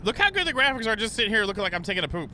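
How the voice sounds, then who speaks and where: A man's voice: high-pitched, racing, slight background noise. A man streaming a video game, chatting playfully and joking with his viewers. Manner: playful, jokey, animated. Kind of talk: casual gaming commentary.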